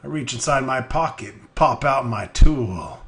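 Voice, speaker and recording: A man reading a game's narration aloud in a deadpan delivery, breaking in with profane, mocking jokes as a let's player. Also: mid-range voice, a little slow. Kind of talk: reading game text aloud with crude jokes.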